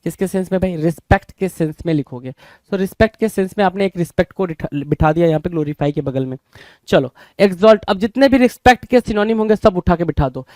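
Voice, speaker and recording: High-voiced teacher, dry close sound. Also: male voice, fast talker, darkish tone, dry recording. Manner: repeats questions to the class, addresses viewers as bhai. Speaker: vocabulary teacher. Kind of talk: Hinglish exam-prep lesson.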